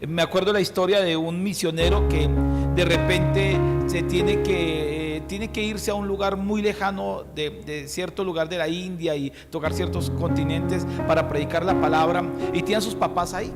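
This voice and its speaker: A man's voice: high-pitched, fairly even intonation, normal speed. A male pastor from Colombia preaching a sermon, asking the congregation questions and reading scripture aloud. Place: church hall. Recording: reverberant church hall with music. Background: music.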